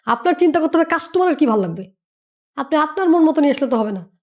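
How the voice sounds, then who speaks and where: A woman talks as a business mentor on a podcast. Her fairly high voice races along at a brisk clip. She drives her points home with emphasis, repetition and rhetorical questions. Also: very animated. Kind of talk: motivational podcast talk.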